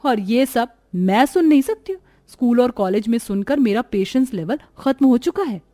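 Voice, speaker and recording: A woman's voice: fairly high pitch, animated, normal speed, dark tone, natural voice. A woman voicing a vain, spoiled young woman in a storybook, scornful and bossy, slipping English words into her talk. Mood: arrogant. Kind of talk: storybook voice acting.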